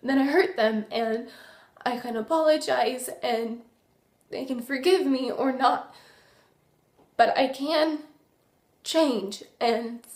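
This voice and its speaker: A young woman acting a remorseful recovering addict in a dramatic monologue, halting and full of tragic sorrow. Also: a little high, darkish tone. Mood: remorseful, pleading. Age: young adult. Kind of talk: dramatic monologue, naturalistic confession. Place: small indoor room. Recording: roomy echo.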